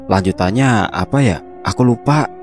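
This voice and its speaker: A flustered, goofy young man in love, stammering shyly one moment and cocky the next, as a storyteller puts him on. His voice sits low, with faint music beneath. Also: normal speed, lightly acted.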